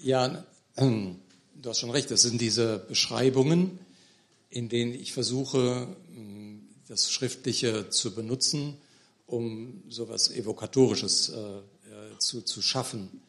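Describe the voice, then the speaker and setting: A man's voice: mid-range voice, takes it slowly, a bit bright. A middle-aged man talking about his book in a lecture hall, hesitant, with many fillers and restarts. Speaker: author at a book talk. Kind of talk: thoughtful academic talk.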